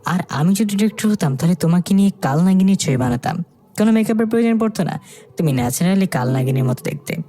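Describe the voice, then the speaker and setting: A narrator voicing a hot-tempered, theatrical young woman, huffy and quick to bicker. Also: mid-range voice, dark tone, breathy edge, pitched below the performer's own voice, close to an everyday voice.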